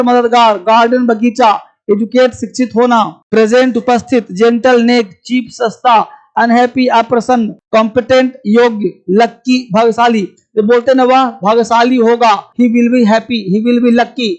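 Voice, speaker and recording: High-voiced Indian male English teacher. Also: poor audio. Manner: drills students, slows down for English example sentences. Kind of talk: live spoken English class.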